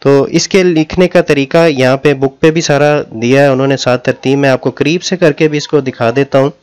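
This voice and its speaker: A man teaching a Korean language lesson, speaking Urdu as his first language, with patient explanations and slow, drawn-out pronunciation drills. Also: medium pitch, steady tone, a little mellow, clean tone.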